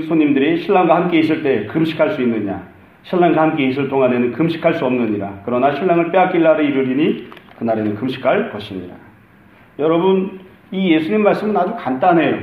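A man's voice: a little high, echoey room, phone-quality sound. A middle-aged male pastor preaching a conversational sermon, acting out the lines he quotes.

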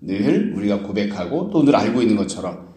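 A male pastor preaches through a scripture passage, his pitch rising and falling with animation. He slips into the voices of the people in the text to make them vivid, and his voice rings in a roomy, echoing space. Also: fairly quick. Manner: acts out the biblical speakers with lively paraphrase. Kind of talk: sermon exposition. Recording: roomy echo.

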